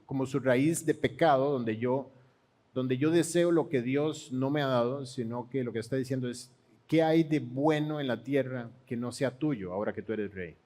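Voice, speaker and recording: Man, Panamanian accent, Bible teacher, explanatory, medium pitch. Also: moderate pace. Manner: explanatory, steady, occasional restarts. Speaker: Bible teacher answering questions.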